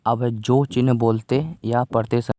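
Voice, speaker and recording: A man's voice: mid-range voice, little pitch movement, unhurried, warm tone, no echo, studio quality. A man teaching a worksheet lesson to young children in a casual, patient way, often repeating himself and asking if they follow. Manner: patient, repeats phrases and keeps asking "theek hai?".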